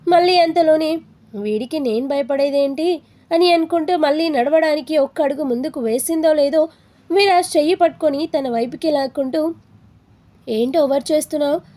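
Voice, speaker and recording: A woman narrates a serialized story in a steady, measured way. Her voice is high-pitched. Its tone stays soft and mellow.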